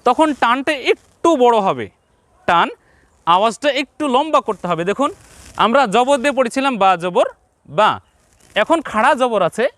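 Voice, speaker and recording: Bangladeshi guy teaching quran reading, high voice, dry close sound, repeats stuff slow. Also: expressive, fairly bright tone, dry recording. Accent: Bangladeshi Bengali. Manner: repeats each point slowly, addresses viewers directly. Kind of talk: step-by-step reading lesson.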